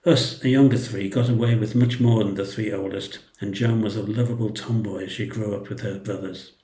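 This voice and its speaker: An older man with an English accent reading a prepared eulogy in a tender, solemn and measured way. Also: on the low side, fairly even intonation, mellow. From England. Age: older, 60s or above. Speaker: brother giving a eulogy. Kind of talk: prepared eulogy, read aloud. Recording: echoey room.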